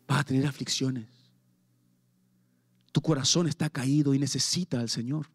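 A male pastor with a Paraguayan Spanish accent preaches fervently at church, swinging from soft pleading to raised intensity. His voice is mid-range and husky, with a steady tone at normal speed.

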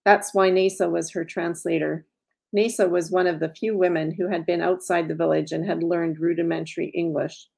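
A woman, an author, reading her own story aloud in a steady, measured way. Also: lowish voice, creaky.

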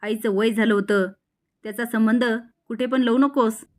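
A woman's voice: on the high side, steady tone, moderate pace, darkish tone, natural voice. A stern elder brother, as a woman voices him.

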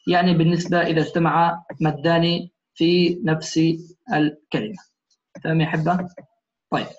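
A man teaching a recitation class, patiently explaining and often checking that his students follow. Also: high voice. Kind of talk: classroom lecture. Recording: echoey room, muffled lo-fi sound.

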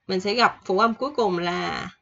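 Husky-voiced woman teaching casually. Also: mid-range voice, sharp tone, highs cut off. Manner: chatty, repeats examples slowly with fillers. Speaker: Korean language teacher. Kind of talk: casual online lesson.

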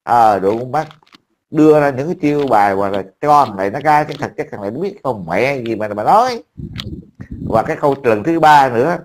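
A man's voice: medium pitch, expressive, a little fast. A man, talking casually to a friend as an online commentator, blunt, profane and mocking.

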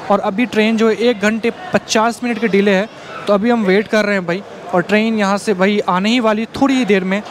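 A high-voiced young man in his twenties, a travel vlogger, chats casually to his viewers and keeps calling them "bhai." He's recorded on a clip-on lapel mic and a handheld camera across a busy railway station platform and food court, indoors and out, with loud station noise behind him.

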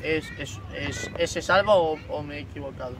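A teenage boy on a prank call poses as a stiff, formal sports official, stumbling over fillers at a moderate pace. His fairly high voice, heard through a phone on speaker, is picked up faintly by a far-off camera in a park, with clear outdoor noise beneath.

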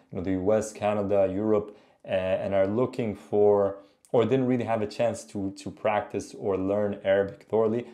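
Guy in his 30s chatting n explaining language stuff, lowish voice, really mellow. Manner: conversational, explanatory. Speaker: host, Arabic teacher. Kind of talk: casual reaction commentary with language tips. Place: small indoor room.

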